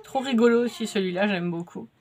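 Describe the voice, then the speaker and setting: A woman's voice: mid-range voice, brisk, darkish tone. A woman with a French accent and a stuffy nose from a cold, chatting casually as she unboxes craft kits. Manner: chatty, many fillers and restarts. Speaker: crafts vlogger.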